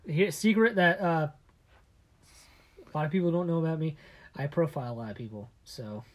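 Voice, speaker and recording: A man co-hosting a casual chat podcast, telling stories in a halting way full of restarts and often dropping his voice low and conspiratorial. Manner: halting storyteller with many restarts. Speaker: podcast co-host.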